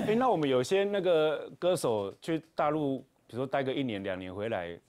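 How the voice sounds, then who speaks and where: A man with a Taiwanese Mandarin accent on a political talk show, asking quick questions and chiming in often. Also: mid-range voice, expressive, a little mellow. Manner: quick questions and frequent back-channel replies. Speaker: political commentator.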